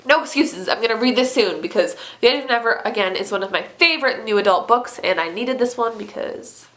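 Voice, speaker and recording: A woman's voice: a little high, lively intonation, a little fast, fairly bright tone. Gushing young woman book vlogger. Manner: gushing, enthusiastic, many fillers. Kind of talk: casual video chat.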